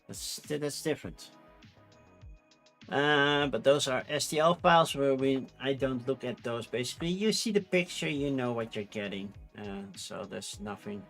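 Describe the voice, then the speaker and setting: A streamer with a Dutch accent, speaking English as a second language, chats casually on a livestream, rambling with fillers and restarts. His voice is medium-pitched and a bit bright, at a moderate pace, with faint music playing behind him.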